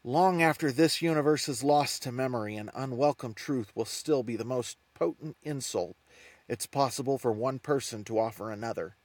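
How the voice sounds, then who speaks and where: A man's voice: medium pitch, normal speed, darkish tone, no echo, natural voice. A man voicing a young, defiant prophet who lectures a council in an earnest, reproachful way.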